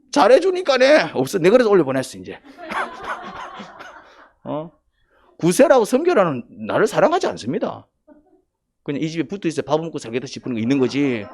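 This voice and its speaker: 경상도 사투리로 설교하는 남성 목사로, 조용하게 말하다가도 크게 힘주어 외치며 강조합니다. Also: male voice, fairly high pitch. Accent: Gyeongsang Korean. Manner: dialect-heavy, emphatic, swings from quiet to loud. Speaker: pastor. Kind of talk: sermon.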